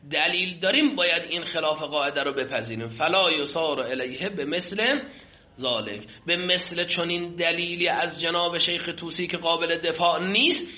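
A man's voice: high voice, sharp tone. A man teaching a seminary class on Islamic law, explaining a classical text and putting questions to his students. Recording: echoey room, dull lo-fi sound.

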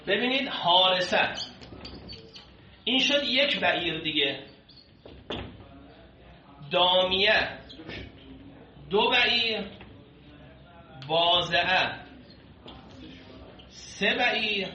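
A man's voice: sits high, lively intonation, long pauses, pushed and bright, slight background noise. A man teaching a class, reading and explaining legal texts step by step and often putting questions to his students. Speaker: seminary teacher. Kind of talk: classroom lecture on Islamic law texts. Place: classroom with a whiteboard. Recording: echoey, dull lo-fi classroom recording.

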